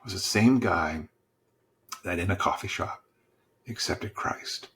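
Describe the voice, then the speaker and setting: A man, a church small-group pastor, telling stories as a podcast guest in a lively, encouraging preacher's manner and acting out the dialogue. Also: slow, breathy edge. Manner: lively storyteller who acts out dialogue with sudden pitch jumps. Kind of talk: storytelling in a podcast conversation.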